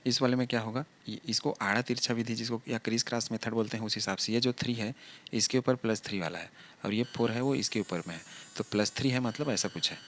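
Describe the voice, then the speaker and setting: A man's voice: medium pitch, fast talker, a bit bright. A male chemistry teacher giving a lecture, talking through each step and asking the class rhetorical questions.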